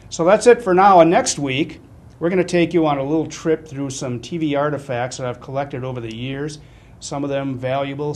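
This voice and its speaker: A middle-aged or older man hosting a casual webcast with chatty, wry, self-deprecating commentary. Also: a little mellow. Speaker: webcast host. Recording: noticeable low rumbling background noise.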